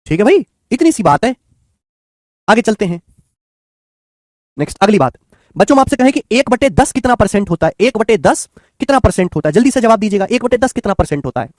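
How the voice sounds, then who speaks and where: A man's voice: high voice, very animated, brisk, long pauses, no room sound, studio quality. A man teaching math in an online exam-prep lecture, coaxing and repetitive, calling his students children and friends.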